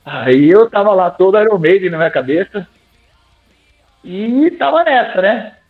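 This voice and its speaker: A young man, a singing teacher, telling animated, slangy stories in a podcast interview and acting out his own old lines. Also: high voice, measured pace. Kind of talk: casual storytelling in a podcast interview. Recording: tinny phone-like sound with faint music.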